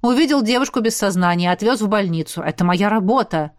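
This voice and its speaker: A woman's voice: mid-range voice, lively intonation, no room sound, studio quality, close to an everyday voice. A woman reading an audiobook and voicing a reserved young investigator who speaks curtly and chooses his words carefully. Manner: curt, grumbling, measured. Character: reserved young man, gruff investigator older brother. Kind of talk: audiobook character voice.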